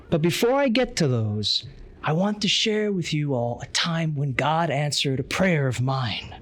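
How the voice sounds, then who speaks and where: A man's voice: high voice, a bit bright. A man giving an earnest, emphatic conference lecture, reading from a tablet.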